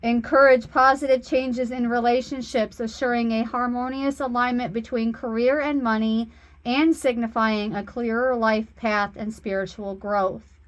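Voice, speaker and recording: Female spiritual healer and card reader, slightly high voice, unhurried, earnest and reassuring. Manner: slow, earnest, reassuring delivery. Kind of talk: oracle card reading.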